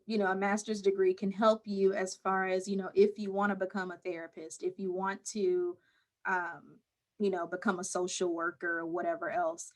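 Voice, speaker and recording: Low-voiced woman therapist, calm. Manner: calm, measured explaining. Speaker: mental health counselor, guest. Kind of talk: conversational interview answers.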